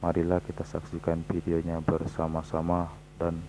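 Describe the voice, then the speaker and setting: A very deep-voiced man introduces a video in a formal, preacher-like tone, speaking straight to his viewers. A faint hiss sits under his voice in the recording. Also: completely flat delivery, moderate pace, mellow, low-quality recording. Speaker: channel host.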